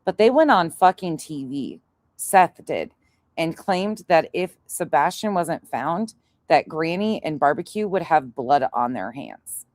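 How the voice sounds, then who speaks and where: Hosting a livestream, a woman comments casually on played clips and talks with her viewers in a blunt, profane, scornful way. Her low, darkish voice is animated and measured in pace, with no room sound.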